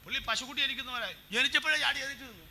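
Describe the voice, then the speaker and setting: A man preaching as a pastor, animated, firing questions at his congregation during a sermon. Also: very high voice, very fast. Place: church.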